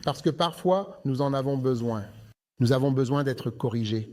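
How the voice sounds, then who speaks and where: A man's voice: mid-range voice, normal speed, a little mellow. A male pastor preaching a sermon, emphatic and speaking directly to the congregation.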